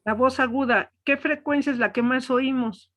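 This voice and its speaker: A woman's voice: sits high, steady tone, moderate pace, fairly bright tone. A woman teaching an online class, explaining step by step and often asking "¿sí?" to check on her students. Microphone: webcam.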